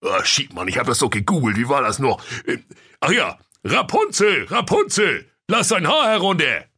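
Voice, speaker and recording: Man voicing a clumsy young lover, northern German accent, high pitch, bright tone, breathy edge. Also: huge pitch swings, moderate pace, exaggerated voice. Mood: eager, flustered. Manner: high strained falsetto, flustered.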